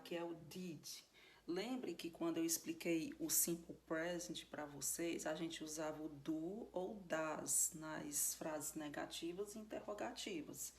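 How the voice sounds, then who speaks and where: Brazilian lady teacher, lowish voice, goes thru rules slowly and keeps asking if u got it, bit of faint noise behind. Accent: Brazilian Portuguese. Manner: patient, step-by-step explaining, checks in with "tá certo?". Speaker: English teacher. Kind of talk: recorded video lesson.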